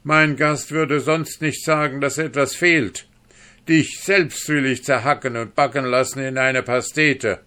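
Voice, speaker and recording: A man voicing a furious, arrogant duke who shouts threats in an audiobook reading. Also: mid-range voice, steady tone, a little slow, clear, resonant tone, pitched above the performer's own voice. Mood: enraged. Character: furious arrogant duke, male adult ruler.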